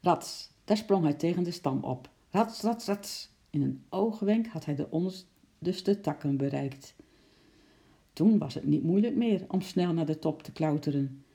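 A narrator reading a children's story aloud in a calm, even manner. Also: medium pitch, measured pace, gravelly. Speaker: audiobook narrator.

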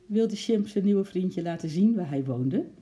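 Mellow-voiced woman reading a children's story. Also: fairly low pitch, unhurried. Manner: lively, expressive reading with suspenseful questions.

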